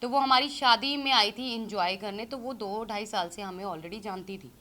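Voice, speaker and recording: A woman in her thirties, an interview guest, giving critical views in a measured, hesitant way. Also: medium pitch, bright, forceful tone. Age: 30s. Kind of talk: casual interview talk.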